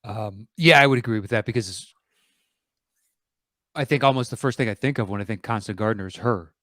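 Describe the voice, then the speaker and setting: A man's voice: fairly low pitch, fairly quick, no echo, studio quality. A man co-hosting a podcast, chatting casually with loose, offhand swearing. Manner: relaxed, swears casually, reads listener questions aloud. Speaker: podcast co-host. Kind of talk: casual chat.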